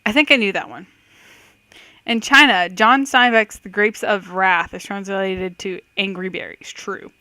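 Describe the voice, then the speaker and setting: A woman's voice: medium pitch, unhurried, sharp tone, dry recording. A woman giving casual, chatty commentary on a quiz game, reading questions aloud and reacting with self-doubting thoughts. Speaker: host of a let's-play quiz video.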